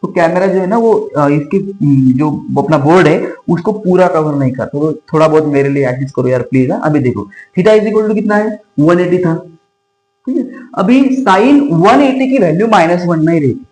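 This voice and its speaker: A male physics teacher lectures at a whiteboard in a fairly high voice. He keeps posing questions and answering them himself, calling his students kids. The room sounds echoey, with faint music underneath. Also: lively intonation, normal speed, darkish tone. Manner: addresses students fondly as kids. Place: classroom with a whiteboard.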